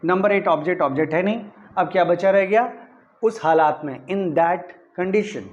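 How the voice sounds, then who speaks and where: A man with a high voice teaches English grammar in Hindi. He walks through each sentence step by step and keeps asking whether it is clear. The recording sounds dull and lo-fi. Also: a little fast. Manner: explains step by step, often checking "clear?". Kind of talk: Hindi-language grammar lesson.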